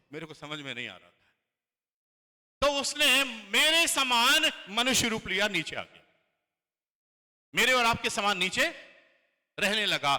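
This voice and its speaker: A man preaching a sermon in a church, speaking emphatically and rising loudly when he reads scripture. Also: high voice. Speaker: pastor. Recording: echoey church hall.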